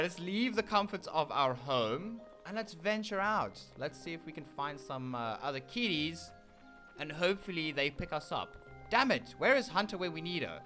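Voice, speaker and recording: A gaming channel host with a South African accent commentates casually on gameplay, his voice bright and sharp, his pitch constantly swinging. Excitable, he keeps calling viewers "ladies and gentlemen" and meows while playing along as his kitten character, with faint game music behind.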